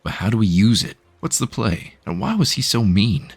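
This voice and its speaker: A man voicing a gruff, burly male outlaw gunman who blusters and grumbles. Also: fairly low pitch, sing-song, moderate pace, pitched above the performer's own voice, exaggerated voice. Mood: whispered griping.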